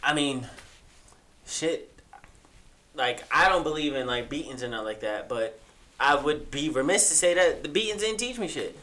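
A man's voice: a little high, expressive, normal speed, long pauses, sharp tone. A man co-hosting a casual podcast, laid-back and profane, often restarting his sentences. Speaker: podcast co-host. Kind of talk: casual chat.

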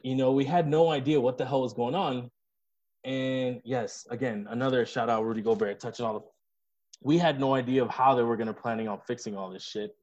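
Man, podcast co-host, casual chat, profane, animated, slightly muffled lo-fi recording. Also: mid-range voice, fairly quick. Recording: slightly dull lo-fi sound.

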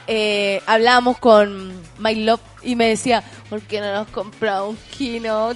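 A woman with a Chilean accent hosting a morning show, chatting and reading the news and listener messages, giggly and theatrical. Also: high-pitched. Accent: Chilean Spanish. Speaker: morning radio host. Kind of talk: casual chat and news reading.

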